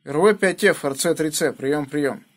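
Background noise accompanies a male ham operator whose voice leans high and whose pace is moderate. He chats casually over the air using call signs, and a phone near the radio records him in a small room at his home station.

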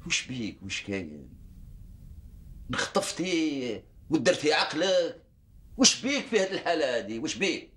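An actor with an Algerian Arabic accent, playing a weary husband who pleads and defends himself in a TV drama. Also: male voice, fairly high pitch, sing-song, normal speed, pauses often, fairly bright tone. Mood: pleading. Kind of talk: TV drama acting.

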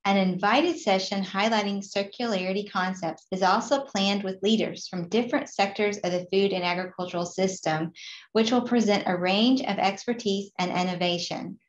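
A woman in her forties reads out a conference program in an even, informative way. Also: mid-range voice, normal speed. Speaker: program presenter. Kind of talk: scripted program announcement. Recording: roomy, slightly dull webcam audio.

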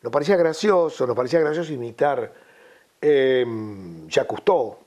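A middle-aged man with a Rioplatense Spanish accent, chatting in an interview and reminiscing about his years in radio with lively storytelling. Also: medium pitch, moderate pace. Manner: storytelling, reminiscing, slips into old-radio announcer voices. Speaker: radio host guest. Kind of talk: casual interview chat.

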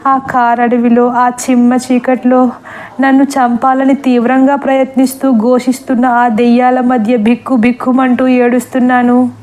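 Woman narrating a horror story, flat tone. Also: a little high, normal speed. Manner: emotional, dramatic reading with voiced dialogue.

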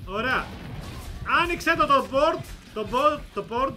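A man gives rowdy gameplay commentary for his let's play. His voice sits very high and carries a sharp, bright edge. He swears and hurls comic threats at the enemies. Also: lively intonation, soft background music.

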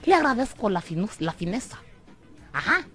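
A young Salvadoran woman runs a comic radio monologue with a teasing, sassy bite. Her voice is bright and very lively, and it bounces up and down as she mocks and sweet-talks the listener. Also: medium pitch, normal speed, faint music behind. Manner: sassy, teasing, calls listener amor and bebé. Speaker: radio comedy host.

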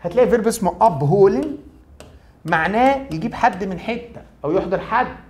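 A middle-aged man with an Egyptian Arabic accent, teaching German in a brisk, chatty classroom video lecture where he asks and answers his own questions. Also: high voice, expressive, a little mellow.

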